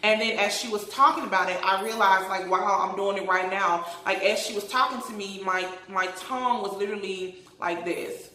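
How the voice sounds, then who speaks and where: A woman's voice: medium pitch, a little fast, few pauses, bright, forceful tone, slight background noise. A woman in her thirties with a lisp from wearing braces, chatting casually and emphatically to followers in a rambling vlog. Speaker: vlogger. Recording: roomy, echoey home recording.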